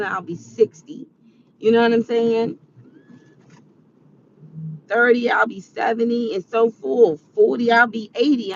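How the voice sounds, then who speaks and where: A woman's voice: fairly high pitch, highs cut off, a little hiss or hum. Earnest preachy woman in her forties. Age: 40s. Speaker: vlogger. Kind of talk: casual advice monologue.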